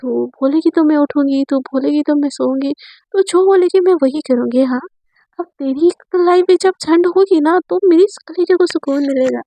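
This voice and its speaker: Woman narrator doing a sly, mocking young woman, pitched up high, dry close sound. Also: normal speed, mellow, no echo. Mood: bitter. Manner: teasing, mocking. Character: mischievous, resentful young woman, best friend.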